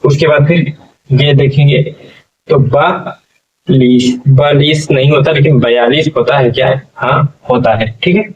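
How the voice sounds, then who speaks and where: A male teacher gives a patient classroom lesson, drawing out his syllables and frequently checking in with "okay?" His fairly high voice keeps a fairly even intonation, captured from a distance on lo-fi audio.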